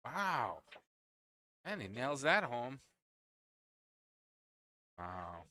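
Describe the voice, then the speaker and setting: A man giving live play-by-play at an amateur pool final, his voice bright and forward with a lot of lift and fall in the pitch. He chats easily with his partner between shots. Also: very animated, extremely slow, no echo. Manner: chatty, talks to co-commentator between shots. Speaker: pool match commentator. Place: indoors at a pool league venue.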